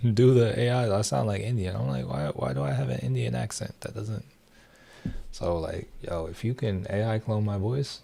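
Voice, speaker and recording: Gravelly and dark, a lowish male voice leads a livestream where a young host chats loosely with viewers. He rambles, restarting often and using lots of fillers.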